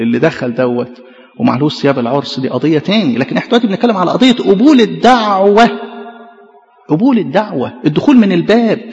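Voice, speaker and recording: A man with an Egyptian Arabic accent, a priest preaching a lively sermon full of rhetorical questions. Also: a little high, creaky, in a large hall, highs cut off.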